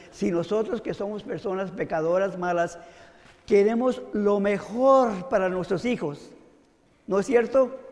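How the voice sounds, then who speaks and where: A man with a high, gravelly voice delivers a sermon, often turning to his listeners with rhetorical questions as he tells a story. His voice carries a long reverb, as if he is recorded in a large hall. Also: a little mellow. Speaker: preacher.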